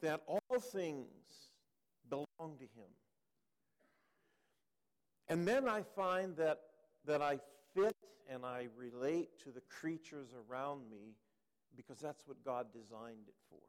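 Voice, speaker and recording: Brief: male guest preacher, earnest and measured, slow delivery with thoughtful pauses, long church reverb. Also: fairly high pitch. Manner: earnest, unhurried, pausing often with ums. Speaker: guest speaker and author. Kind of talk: sermon. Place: church sanctuary.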